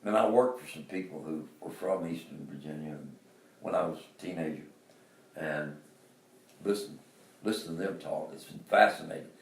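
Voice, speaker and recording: A man's voice: sits low, normal speed, creaky, roomy sound, recorded from a distance. An older man with an Appalachian accent, telling rambling stories from his life and chuckling often. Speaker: interviewee, father. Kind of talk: casual storytelling.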